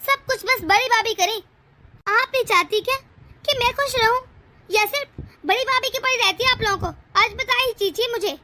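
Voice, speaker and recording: A woman's voice: extremely high pitch, normal speed, bright, forceful tone. A woman voicing a scheming young daughter-in-law in a cartoon, speaking in a sweet but demanding way. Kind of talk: cartoon voice acting.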